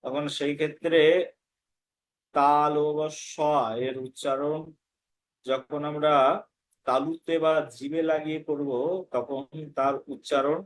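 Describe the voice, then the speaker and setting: Man slowly teaching Sanskrit pronunciation. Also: fairly high pitch, fairly even intonation. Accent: Bengali. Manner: patient, repeats words slowly to demonstrate pronunciation. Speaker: Gita course teacher. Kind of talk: pronunciation lesson.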